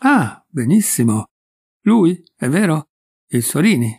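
A man's voice: a little high, sing-song, takes it slowly, vocal fry, a little mellow, breathy edge, no room sound, studio quality, voice pushed up, exaggerated voice. A man reading the lines of a shy, polite young male painter, hesitant and eager to please.

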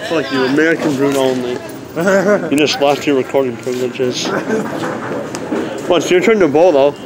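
A man's voice: medium pitch, a little slow, noisy background. A young man vlogging and joking with friends on a phone camera in a bowling alley. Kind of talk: casual chat. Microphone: handheld phone camera.

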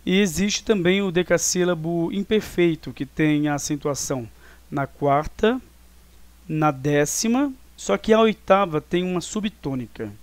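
Brazilian man, teacher, voice on the high side, dry close sound, chatty explainer. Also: a little slow, dry recording. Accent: Brazilian Portuguese. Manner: explanatory, full of tag questions and fillers. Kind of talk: online class review lesson.

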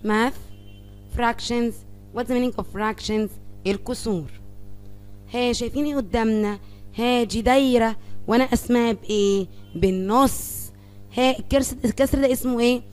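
Smooth-voiced Egyptian woman teacher. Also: fairly high pitch, normal speed, long pauses, a little mellow. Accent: Egyptian Arabic. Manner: asks questions and answers them herself, counting aloud. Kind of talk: classroom lesson on fractions.

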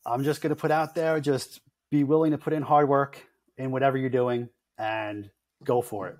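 A man's voice: mid-range voice, steady tone, moderate pace, a little mellow. A middle-aged man talks as a podcast guest. He is easygoing and chuckles between remarks. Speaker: guest, music industry consultant. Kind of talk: casual podcast interview.

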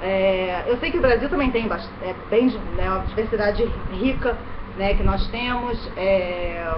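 In a bedroom in India, a Brazilian woman in her thirties with a Rio accent chats to her webcam in a mid-range voice. She's a chatty vlogger who uses her hands and peppers her talk with tag questions. The recording is muffled webcam audio, and an electric fan hums throughout.

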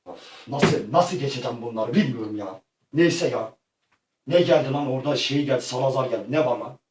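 A man acting out a comic make-believe adventure, excitable and slangy, often yelping and crying out. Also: medium pitch, a little fast, noisy background. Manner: excitable, yelps and cries out often; slangy, rough-edged street talk. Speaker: vlogger. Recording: echoey room, far from the mic.

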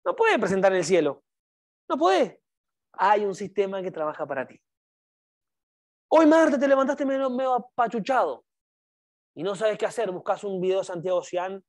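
A man's voice: high voice, brisk. A man giving a motivational network marketing training, speaking emphatically and repeating his key phrases to the audience. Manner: addresses the audience directly. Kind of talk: motivational seminar talk.

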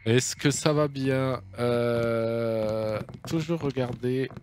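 A man's voice: mid-range voice, drawn-out words, a little mellow, smooth. A man hosts a video game let's play and keeps up a casual running commentary. He jokes as he goes and reads the game's dialogue and news text aloud.

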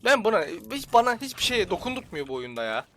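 A young man giving casual, jokey commentary while playing a shooter, swearing at enemies and shouting in sudden bursts. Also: sits high, big pitch swings, quick pace. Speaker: gaming channel host.

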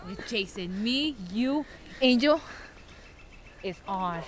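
A woman's voice: a little high, lively intonation, slow. A woman teasing her friends in casual chat outdoors in the snow, filmed on a handheld camera. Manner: teasing, giggly. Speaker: friend on a trip. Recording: crowd noise in background.

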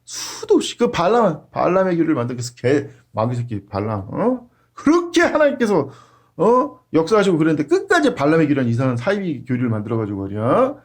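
A man's voice: fairly high pitch, big pitch swings, fairly quick. A man practicing a sermon, blunt and emphatic, using coarse slang and frequent rhetorical questions. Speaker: pastor.

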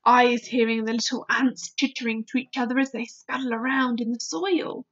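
A woman voicing a gentle, proud, excitable giant in a storybook, with quaint, ungrammatical speech and muddled invented words. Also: a little high, moderate pace, highs cut off. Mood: eager, marvelling. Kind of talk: storybook character voice.

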